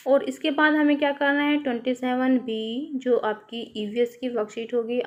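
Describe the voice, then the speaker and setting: A woman's voice: high-pitched, highs cut off. A woman teaching a children's worksheet lesson, asking and answering her own questions and spelling out words with careful pronunciation. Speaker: primary school teacher.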